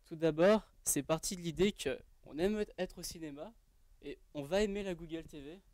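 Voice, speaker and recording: A man presenting his team's project on stage in a casual, halting way, with many fillers. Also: on the high side, darkish tone, dry recording. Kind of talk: pitch presentation.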